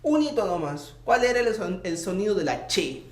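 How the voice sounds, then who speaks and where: A man's voice: high voice, very animated, normal speed. A male teacher patiently going over exam answers, constantly checking in with his students. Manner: patient, checks in with tag questions. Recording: echoey room.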